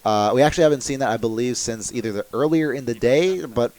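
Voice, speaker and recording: Fast excited young esports caster. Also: male voice, mid-range voice. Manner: fast excitable play-by-play with laughs. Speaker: esports play-by-play commentator. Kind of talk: live esports commentary.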